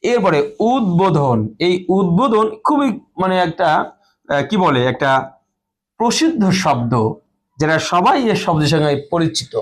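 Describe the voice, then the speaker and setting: A man teaching a grammar lesson to students, explaining each rule slowly and repeating the rules and example words. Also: sits high, very animated. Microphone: phone or camera in front of a board.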